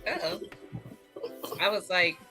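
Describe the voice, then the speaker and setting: A woman's voice: on the low side, slow, music in the background. A woman in casual chat on a crafting livestream, friendly and greeting everyone by name.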